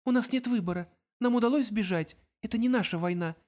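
A man doing a firm fairy woman, higher. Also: fairly quick, close to an everyday voice. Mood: urging. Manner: calm, urging caution. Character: adult female fairy, firm and sober.

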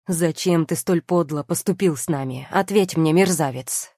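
A woman's voice: deep voice, moderate pace, mellow, no room sound, clean studio sound. A woman reading the lines of an angry, passionate young male lord in an audiobook, speaking hard and firm.

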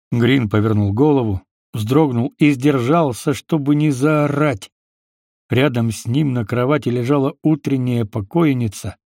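A man narrating an audiobook in a measured, unhurried manner. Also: mid-range voice, vocal fry, a little mellow, no echo, studio quality. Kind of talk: scripted narration.

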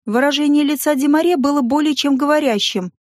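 A woman narrates a first-person story with a wry, ironic liveliness. Her voice sits a little higher than most. The recording is dry and close to the mic. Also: brisk, dry recording. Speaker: audiobook narrator.

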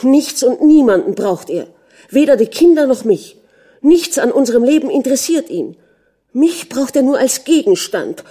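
A woman's voice: medium pitch, moderate pace, dark tone, voice pushed up, natural voice. A woman voicing a young wife who pleads with her jealous husband and rails against him in a storybook reading. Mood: indignant. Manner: pleading, then indignant. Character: young wife, hurt and indignant.

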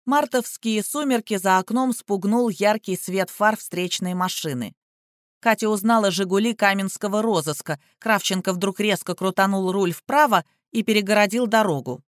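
A woman reading a novel aloud as audiobook narrator, in an even, expressive manner. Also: medium pitch, normal speed, no room sound, studio quality.

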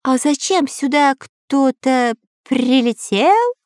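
A woman's voice: high-pitched, lively intonation, slow, darkish tone, dry recording, clean studio sound, voice pushed up. A woman voicing a cowardly, fawning male pet parrot in a storybook reading, squawky and stammering. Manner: squawky, eager to please, stammering. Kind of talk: storybook narration.

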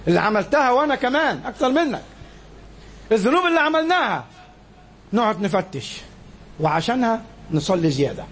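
Egyptian male preacher, very high voice, storytelling sermon that rises to shouts, faint background noise. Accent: Egyptian Arabic. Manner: storytelling, acts out quoted figures, swings between soft and shouted. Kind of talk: Friday sermon.

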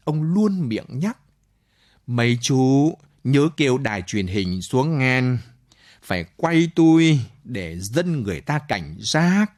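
Male narrator, unhurried late-night radio storytelling. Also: mid-range voice. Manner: slow, lively storytelling with voiced dialogue.

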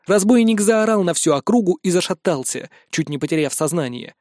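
A man narrating a fantasy adventure in first person, brisk and wry. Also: high voice, lively intonation, a little mellow, no echo, clean studio sound. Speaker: audiobook narrator.

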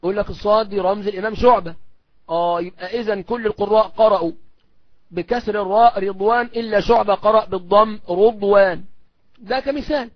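A man speaking with an Egyptian accent, teaching in a recorded course lecture. He explains step by step, poses questions and answers them himself, and slows right down to recite lines of verse. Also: high voice, dry recording, highs cut off. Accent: Egyptian Arabic.

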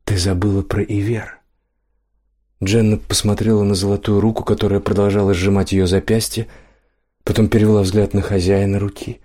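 A male narrator reads a fantasy audiobook in a steady, even storytelling voice. His voice sits on the low side for a man. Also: fairly quick.

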